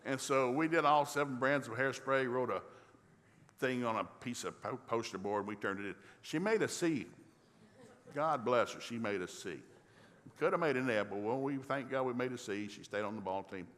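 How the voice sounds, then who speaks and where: Mann im Hall, erzählt volkstümliche Predigt. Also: male voice, mid-range voice, moderate pace. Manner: folksy, animated, acts out dialogue. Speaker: preacher. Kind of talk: humorous storytelling sermon. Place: church sanctuary. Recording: long reverb of a large hall.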